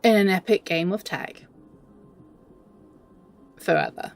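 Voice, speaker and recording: With faint music in the background, a medium-pitched woman voices a smitten, scheming best friend in a romantic audio roleplay. She sounds giddy and tender, her flustered words coming out in stammering, halting bursts.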